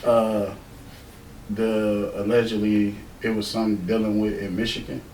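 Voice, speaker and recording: Slow, hesitant male interviewer, far off. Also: lowish voice, monotone, a little mellow, roomy sound, slight background noise. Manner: hesitant, halting questions. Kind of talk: casual interview questions.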